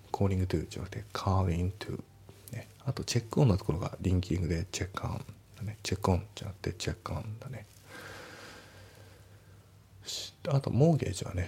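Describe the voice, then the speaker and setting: A man giving a relaxed, step-by-step spoken English lesson, reading the sample sentences slowly. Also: sits low, gravelly, slightly rough. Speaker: English teacher.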